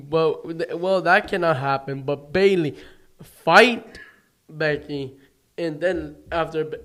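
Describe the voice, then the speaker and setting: High-voiced young man chatting wrestling. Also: fairly bright tone. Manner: halting, restarts often, earnest. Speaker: podcast co-host. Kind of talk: casual wrestling chat.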